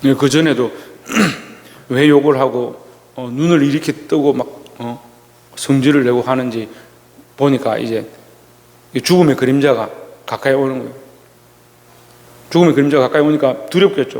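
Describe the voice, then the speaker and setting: A male pastor giving a Sunday sermon, telling a personal story slowly with many pauses and restarts. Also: mid-range voice, darkish tone, long reverb tail. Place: church sanctuary.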